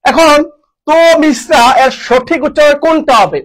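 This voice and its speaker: A man's voice: very high-pitched, moderate pace, fairly bright tone, poor audio. A young man teaching an exam-prep lesson, who repeats key words and asks and answers his own questions.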